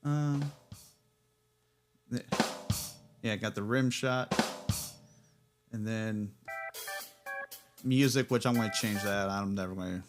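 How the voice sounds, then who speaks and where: A man's voice: on the low side, slow, long pauses, music in the background. A man hosting a casual livestream equipment test, rambling and chuckling as he corrects himself. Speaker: livestream host.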